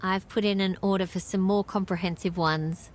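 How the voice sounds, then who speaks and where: A woman's voice: mid-range voice, steady tone, moderate pace, close to an everyday voice. An actress with an Australian accent playing a friendly, knowledgeable small-town woman in video game dialogue, chatty and explanatory. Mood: friendly, earnest.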